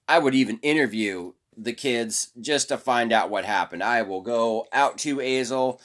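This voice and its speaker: A man's voice: mid-range voice, normal speed, a bit bright. A man hosting a podcast, telling stories in a rambling, profane, casual way and laughing often. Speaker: podcast host. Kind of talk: casual storytelling monologue.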